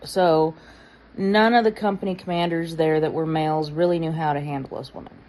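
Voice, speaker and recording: A woman's voice: sits low, steady tone, fairly quick, a little mellow, low-quality recording. A woman guest telling a personal anecdote in a chatty way, full of fillers and asides. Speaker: guest recalling her past. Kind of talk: casual anecdote.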